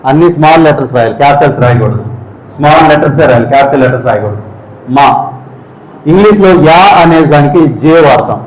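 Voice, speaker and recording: A man teaching English speech sounds, often quizzing listeners and slowly repeating each sound. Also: a little high. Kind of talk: spoken English phonetics lesson. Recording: echoey room.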